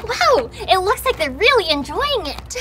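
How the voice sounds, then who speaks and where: Outdoors on a farm with animal pens, a young adult woman presents an educational children's show in an exaggerated, sing-song, exclamatory style. Her voice is very high with big pitch swings and a slightly slow pace, and the background is noisy.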